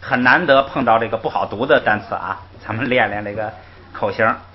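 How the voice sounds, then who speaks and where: A man's voice: on the low side, a little fast, a little hiss or hum. A man teaching a language class, patiently explaining rules and modeling syllables for the class to repeat. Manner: lively, patient, interjects "ai" often, models syllables for repetition. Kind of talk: classroom lecture with call-and-repeat drills. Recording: muffled lo-fi recording.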